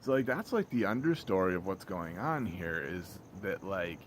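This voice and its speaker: A man giving a casual, off-the-cuff rant, rambling and repeating himself in halting phrases, blunt and full of swearing. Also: deep voice, lively intonation. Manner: rambling, repetitive, halting, often trailing off mid-phrase; blunt, profane, exasperated. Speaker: vlogger reviewing a TV episode. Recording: clear background ambient noise.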